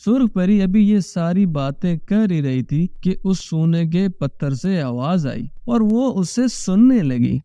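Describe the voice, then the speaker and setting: A man narrating a children's fairy tale in an expressive storytelling way. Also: high voice, hardly any pauses, no room sound. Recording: dull lo-fi dry recording.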